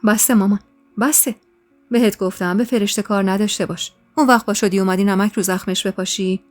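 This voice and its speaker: A woman's voice: medium pitch, steady tone, faint music behind, close to an everyday voice. Storybook older brother, protective and comforting, played by a woman. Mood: stern. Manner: firm then gentle, comforting.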